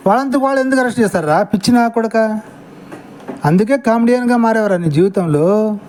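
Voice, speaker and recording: Scornful high-voiced male commentator. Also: expressive, brisk, a little mellow, slight background noise, low-quality recording. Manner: scornful, insulting, mocking. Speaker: commentator reacting to clips. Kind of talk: angry reaction commentary.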